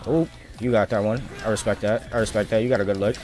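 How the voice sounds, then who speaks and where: A game streamer talks to himself during live gameplay, tossing off slang and swearing while music and game sounds play. He speaks fast in a fairly low, darkish voice with fairly even intonation.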